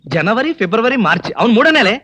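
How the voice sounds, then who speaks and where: A glib, flirty comic husband. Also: male voice, high-pitched, sing-song, sharp tone, slightly rough, no room sound, exaggerated voice. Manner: cheeky, fast wisecracking. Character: flirty, glib, mischievous middle-aged husband. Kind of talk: 1990s film comedy acting.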